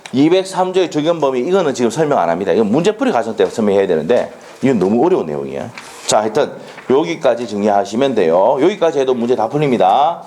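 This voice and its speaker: Lively male law lecturer. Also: mid-range voice. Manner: animated, drills students with quick questions. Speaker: law exam instructor. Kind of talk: classroom lecture. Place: lecture classroom.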